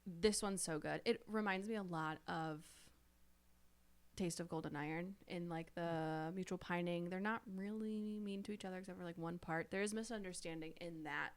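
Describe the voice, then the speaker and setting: A woman with a slightly low voice co-hosting a book podcast. She gushes in an animated, giggly way and often laughs mid-sentence. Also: normal speed. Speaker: podcast co-host. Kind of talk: casual book chat.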